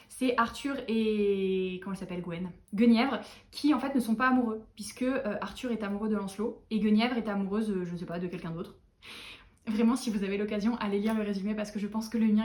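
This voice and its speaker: A tired young woman chatting casually to camera as a book vlogger, animated and self-mocking. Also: a little high. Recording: echoey room.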